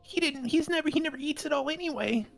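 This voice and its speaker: A man's voice: extremely high pitch, fast talker, vocal fry, a bit bright, faint music behind, voice pushed up, heavily acted. A man voicing a starving male goblin prisoner who begs in a stammering, desperate way. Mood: pleading, desperate.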